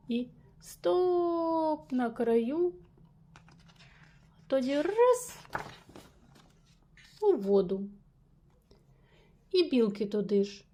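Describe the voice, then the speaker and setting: Slow, soft-toned woman reading a storybook. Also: high-pitched. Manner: lively rhyming delivery with playful emphasis. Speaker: reader.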